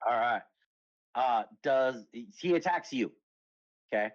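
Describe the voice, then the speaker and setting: A man at mid pitch narrates as game master for a tabletop game. His talk rambles along with plenty of "uh" and "like", and he laughs easily between rules calls. The recording is slightly dull and lo-fi. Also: expressive. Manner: rambling, many fillers, quick to laugh.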